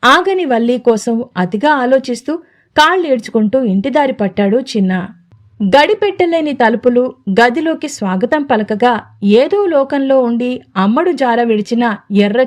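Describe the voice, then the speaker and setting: A woman storyteller narrating a romantic audio story in a smooth, measured way. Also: on the high side.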